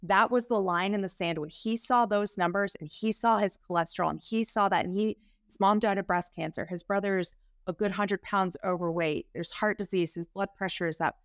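A woman's voice: medium pitch, brisk, no room sound, studio quality. A woman health practitioner, a guest on a podcast interview, telling stories about her clients with enthusiasm.

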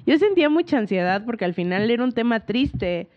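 A woman's voice: fairly high pitch, a little fast. Dramatic young Mexican woman telling a story. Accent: Mexican Spanish. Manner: dramatic, animated, acts out her own reactions in quotes. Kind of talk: casual storytelling chat. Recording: muffled lo-fi audio.

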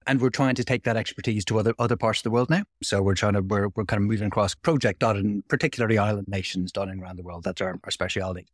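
A man answering interview questions about his energy business, quick and repeating words as he explains. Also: on the low side, fairly even intonation, no room sound, clean studio sound. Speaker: podcast guest, renewable energy developer.

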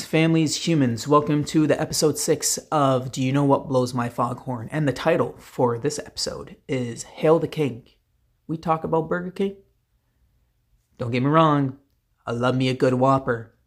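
A man's voice: mid-range voice, fairly even intonation, normal speed. Man hosting a rambling solo podcast. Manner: rambling, frequent filler words and restarts. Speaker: podcast host. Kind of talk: casual solo podcast monologue. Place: Canada.

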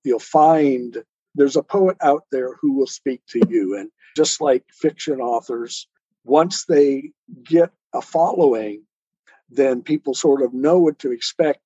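A poet and author answers as an interview guest, speaking conversationally, earnestly, and explanatorily. His mid-range voice is dark and husky. The recording is dry, lo-fi, and dull-sounding.

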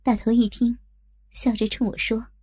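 Husky, dark-toned female storyteller. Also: on the high side, flat delivery, moderate pace. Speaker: narrator. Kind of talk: first-person erotic story narration.

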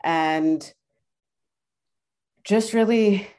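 A woman's voice: mid-range voice, very slow, darkish tone, smooth. A woman speaking as a podcast guest, casually telling her own story in an interview.

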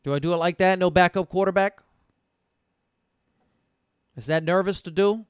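A man's voice: high voice, normal speed, smooth, no room sound, studio quality. A young man thinking aloud while drafting for fantasy football, casual and profane, arguing with himself over picks. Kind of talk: casual live draft commentary.

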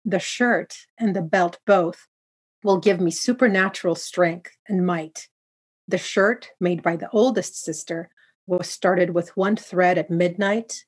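A woman narrating a first-person folktale in a steady, descriptive way. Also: on the low side, breathy edge. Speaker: storyteller.

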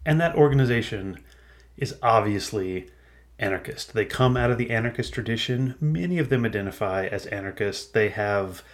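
A male podcast host answering listener questions in a loose, unscripted monologue, chatty and animated, often laughing mid-sentence. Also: on the low side, moderate pace.

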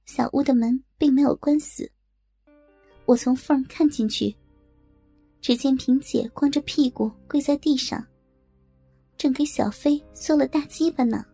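A woman narrating a first-person audiobook in a confiding tone. Her voice is high but mellow, with a gravelly, husky edge and soft music underneath. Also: a little slow, long pauses.

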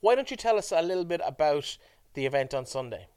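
A man's voice: a little high, expressive, fast, darkish tone, clear, resonant tone, no echo, studio quality. A man presenting a radio programme and putting interview questions to guests.

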